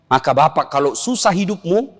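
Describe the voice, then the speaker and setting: A man preaching a humorous sermon to a congregation, animated and jokey, often mimicking listeners. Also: fairly high pitch, a little fast, big-room sound.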